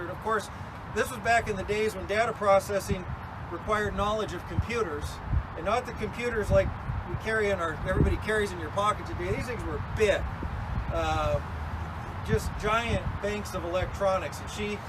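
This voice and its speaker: Higher-voiced man giving a graveside eulogy outdoors. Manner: conversational, folksy asides. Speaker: funeral officiant. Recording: clear outdoor noise, passing vehicles. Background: outdoor ambience and vehicle noise.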